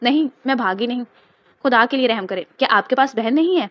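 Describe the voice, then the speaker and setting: A woman voicing a frightened young bride who pleads in tears, her cries rising high. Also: lively intonation, dry recording, highs cut off, lightly acted.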